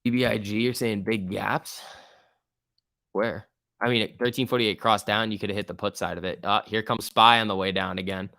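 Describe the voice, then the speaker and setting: A man with a forceful, slightly low voice streams live stock trading in a dry, close sound. He talks casually and slangily, repeating words as he reacts to price moves and reads out chat. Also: steady tone, moderate pace, no echo. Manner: informal slangy muttering to himself, repeats words. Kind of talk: casual live market commentary, reading out chat.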